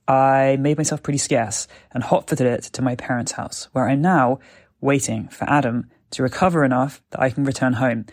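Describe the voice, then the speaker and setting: A man's voice: mid-range voice, a little mellow. British man, chatty dictaphone-style phone recording. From Britain. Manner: chatty, explanatory. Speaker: podcast host and gun dog trainer. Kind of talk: casual solo podcast talk. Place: parents' house. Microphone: mobile phone voice recorder.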